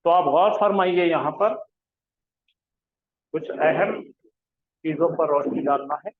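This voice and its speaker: A man's voice: a little high, slow pace. A man teaching an Arabic grammar class, drilling pronouns with call-and-response questions. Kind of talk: classroom lesson. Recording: echoey room over a tinny phone-like line.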